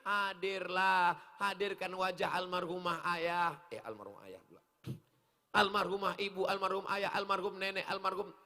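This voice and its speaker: A middle-aged man preaching outdoors, joking with the crowd and breaking into sung Arabic chant between hushed asides. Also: high-pitched, normal speed. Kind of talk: open-air sermon with jokes and acted dialogue. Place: outdoor football field gathering.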